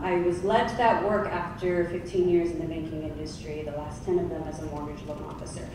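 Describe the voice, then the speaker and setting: Echoey, distant woman speaking in a hall. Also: lowish voice. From Oregon, United States. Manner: candid, conversational, with asides. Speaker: panelist. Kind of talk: conference panel introduction. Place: large conference hall. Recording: echoey hall, from far off, with noise.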